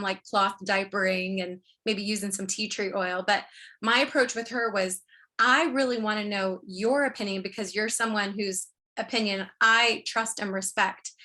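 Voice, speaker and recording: A woman in her thirties, introducing a friend on a webinar with a chatty, rambling story over a video call. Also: medium pitch. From Ohio. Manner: warm storytelling with fillers. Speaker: network marketing leader.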